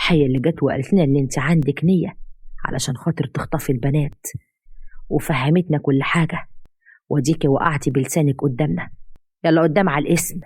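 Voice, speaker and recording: Lady doing a stern cop barking orders, husky, dry sound. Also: low voice, a little mellow, dry recording. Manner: accusing, commanding. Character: stern male police officer.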